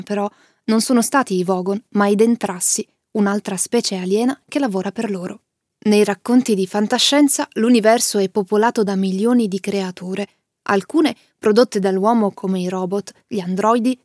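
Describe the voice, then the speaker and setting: A woman tells and summarises a story in a clear, lively way and turns to the listener now and then. Her voice sits at a middling pitch, recorded close and dry in a quiet room. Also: no echo. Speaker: narrator.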